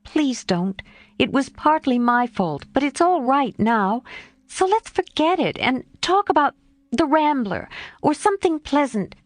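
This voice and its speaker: A woman's voice: high voice, a little slow, no room sound, voice pushed up. A woman voicing a spirited tomboy girl. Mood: pleading. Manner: earnest, lively.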